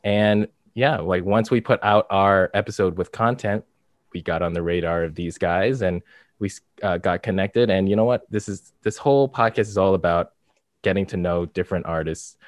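A man co-hosting a podcast in casual chat, with a monotone, flat delivery. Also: low voice, moderate pace, dry recording, clean studio sound. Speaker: podcast co-host, comedian.

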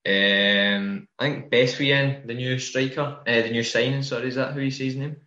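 A man co-hosting a casual fantasy football podcast, relaxed and hedging his picks. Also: mid-range voice, normal speed. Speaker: podcast co-host. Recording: roomy, dull lo-fi audio.

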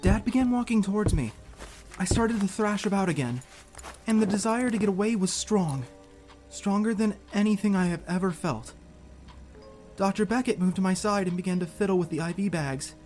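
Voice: medium pitch, moderate pace, a little mellow, faint music behind, natural voice. A performer playing a spirited, sarcastic youngster who narrates an audio drama in an informal, candid way. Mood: tense recounting.

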